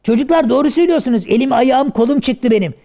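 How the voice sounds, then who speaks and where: A man's voice: extremely high pitch, animated, quick pace, mellow. A man voicing Karagöz, a blunt, clumsy comic everyman in a traditional shadow puppet play, plain-spoken and whiny.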